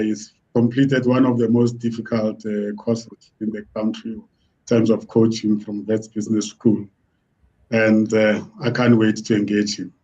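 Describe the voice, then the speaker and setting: Hosting a casual live online interview, a man warmly and effusively greets his guests, sounding hesitant and using lots of fillers. His voice is medium-pitched and the recording is muffled.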